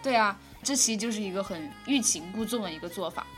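A woman's voice: mid-range voice, expressive, fast, soft background music. A young woman co-hosting a casual chat, handing out relationship advice in a conversational way. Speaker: co-host.

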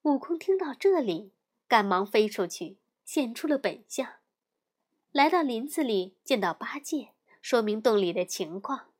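A woman narrating a children's story in an expressive, storytelling manner. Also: fairly high pitch. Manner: slow, lively, expressive.

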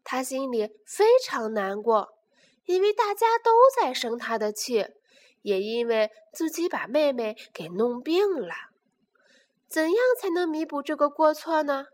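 A woman reading a children's storybook aloud in an expressive, animated way. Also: sits high, a little slow.

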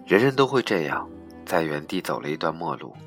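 A man reading a humorous personal story aloud with a dry, deadpan comic delivery. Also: very deep voice, fairly quick, faint music behind.

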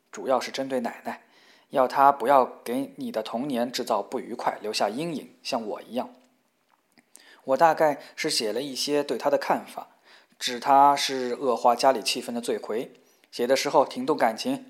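A man reading a personal letter aloud in a measured, reflective way that grows heated when recounting arguments. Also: mid-range voice. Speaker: reader.

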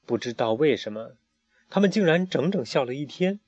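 A man reading a children's picture book aloud, drawn-out phrasing with fillers, on a muffled recording. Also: on the high side, lively intonation, slightly rough, no room sound. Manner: warm, drawn-out, with hesitation fillers. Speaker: storyteller.

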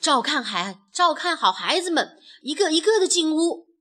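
A woman voicing a calm, sensible young hen who explains and reassures in a children's story. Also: on the low side, measured pace, breathy edge, pitched below the performer's own voice, full character voice. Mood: commanding.

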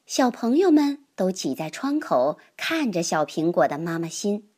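Lively, breathy woman reading a picture book. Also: fairly low pitch, measured pace. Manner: lively, expressive storybook reading. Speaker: storyteller. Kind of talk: children's picture book read aloud.

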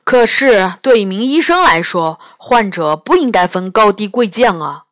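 Storybook kid: woman doing a loud, indignant boy, dry close sound. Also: mid-range voice, expressive, normal speed, no room sound, close to an everyday voice. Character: outspoken young boy, quick to protest.

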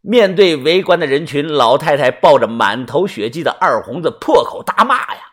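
Husky guy telling a story in first person, bouncy up-and-down pitch, chatty with lots of little fillers. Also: expressive, moderate pace, fairly bright tone. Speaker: narrator.

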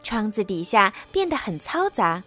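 A woman narrating a children's story in an expressive storybook manner. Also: mid-range voice, moderate pace. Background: soft background music.

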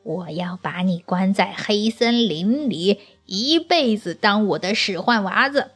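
A woman voicing an old female sun spirit in a children's story, hot-tempered, shouting and impatient. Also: medium pitch, expressive, a little slow, slightly rough, faint music behind. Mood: furious. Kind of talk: storybook character voice.

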